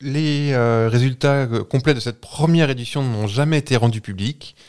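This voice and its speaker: A man's voice: mid-range voice, moderate pace, darkish tone, clean tone. A man with a French accent co-hosting a casual podcast, explaining facts with many fillers and restarts. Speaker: podcast co-host. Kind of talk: casual chat.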